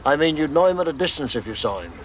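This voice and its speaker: An actor playing a patient, shrewd police inspector, questioning dryly. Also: male voice, a little high, big pitch swings, very fast, a little hiss or hum, poor audio. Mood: calm, probing. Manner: probing, dry questioning. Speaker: detective chief inspector. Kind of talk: TV detective drama acting.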